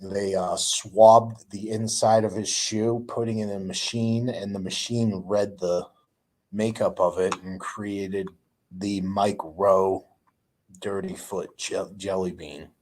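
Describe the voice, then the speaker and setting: A man's voice: on the low side, level tone, slow pace, a little mellow. A man hosting a casual live chat, telling rambling stories with lots of groans and fillers.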